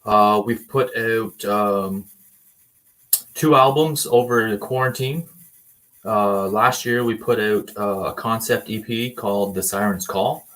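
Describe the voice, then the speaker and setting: A man's voice: lowish voice, steady tone, takes it slowly, a bit bright. A young man from Canada, a band member guest, talking about his music in a laid-back, easygoing way with lots of filler words. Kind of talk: casual interview chat.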